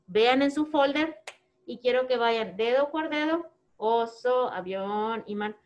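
A woman teacher giving a slow, clear phonics lesson to young children, repeating each word. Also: sits high, highs cut off.

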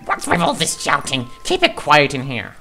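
A man's voice: on the high side, wildly swooping pitch, normal speed, creaky, soft background music, pitched above the performer's own voice, exaggerated voice. A man voicing a fussy, bossy castle guard in a game let's play. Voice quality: loud, bossy.

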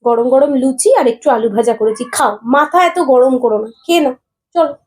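High-voiced woman pleading softly. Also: normal speed, slightly rough. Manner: pleading, soothing. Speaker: wife. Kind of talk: acted family short drama.

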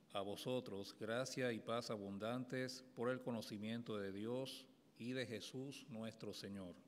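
A middle-aged man reading scripture formally as a lay reader, stumbling now and then. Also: fairly low pitch. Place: church lectern, indoors. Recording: reverberant church hall, faint background noise.

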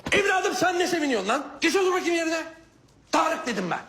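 A man performs a short-fused math teacher who barks insults and sarcasm at a hopeless pupil. His high voice leaps up and down at a quick clip. Music plays under the sketch. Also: lively intonation. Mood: scolding. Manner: shouting, insulting scolding. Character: irritable male math teacher, scolding and sarcastic. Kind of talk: comedy sketch. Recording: music bed behind.

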